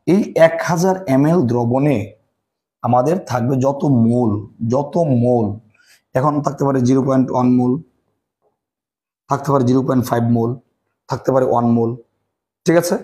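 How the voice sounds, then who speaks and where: Male chemistry tutor, mellow, dark tone, self-answering quiz style. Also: medium pitch, normal speed, pauses often. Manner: asks questions and answers them himself, repeats key terms. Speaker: chemistry teacher. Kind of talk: classroom lecture.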